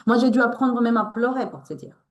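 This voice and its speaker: Interview guest, woman with Spanish accent, a bit high-voiced, earnest and groping for words. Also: lively intonation, a little fast. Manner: earnest, searching for words, many restarts. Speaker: guest, resilience coach and therapist. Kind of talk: emotional interview talk.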